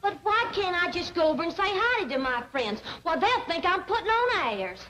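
Very high-voiced young hillbilly gal. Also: female voice, sing-song, moderate pace, pushed and bright, full character voice. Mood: eager, artless. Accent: rural Southern American. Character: artless, eager young backwoods woman. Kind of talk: 1960s television sitcom acting. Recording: noisy old television soundtrack.

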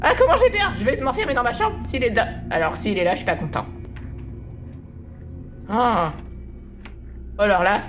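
A woman's voice: a little high, huge pitch swings, normal speed, pauses often, faint music behind. A woman commenting on a horror game as she plays, jumpy and exclamatory, often laughing through nervous reactions. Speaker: gaming video host.

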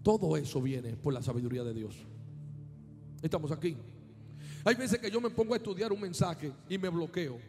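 A man from Colombia preaching a sermon as pastor, swinging from hushed asides to shouted, sung-out climaxes. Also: fairly high pitch, lively intonation, moderate pace, long pauses, long reverb tail, faint music behind.

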